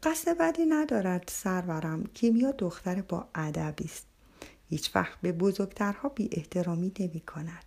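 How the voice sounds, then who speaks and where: A woman's voice: on the low side, expressive, vocal fry, a little mellow, slightly rough, full character voice. A woman reading the part of a flustered middle-aged father who speaks hurriedly and deferentially.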